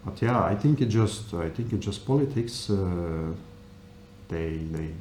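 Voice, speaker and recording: Man, English. Unhurried, halting interview answers, roomy sound with a little noise. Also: low voice, lively intonation, a little mellow. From Russia. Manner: halting, searching for words in simple non-native English. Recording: echoey room with faint noise.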